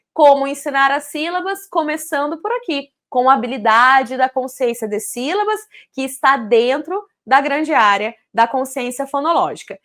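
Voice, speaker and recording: A woman, a literacy educator explaining syllable activities to teachers in a clear, didactic manner, asking rhetorical questions. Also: high voice, fairly bright tone. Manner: clear, didactic, speaks syllables slowly to demonstrate; addresses teachers directly, asks rhetorical questions. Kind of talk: teaching video with product promotion.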